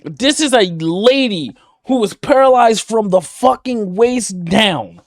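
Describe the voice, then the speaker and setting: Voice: medium pitch, expressive, slow pace, no room sound, studio quality. A reaction video host ranting angrily with heavy profanity while commenting on a clip. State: livid.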